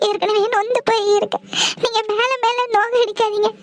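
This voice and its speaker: A woman's voice: very high-pitched, level tone, normal speed. A woman voicing a timid young woman in a cartoon, pleading and tearful, torn between her lover and her family. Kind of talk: cartoon voice acting.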